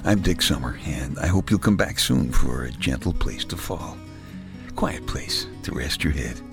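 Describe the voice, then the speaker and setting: An older man gently tucking the listener in at bedtime, soothing them toward sleep as a podcast host signing off. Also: rumbling low, animated, unhurried, vocal fry, music in the background. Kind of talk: soft bedtime sign-off.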